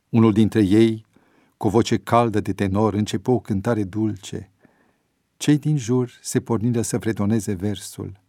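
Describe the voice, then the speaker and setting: Male storybook narrator, medium pitch, measured, dry booth sound. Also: a little mellow, dry recording. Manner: measured reading. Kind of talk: scripted narration.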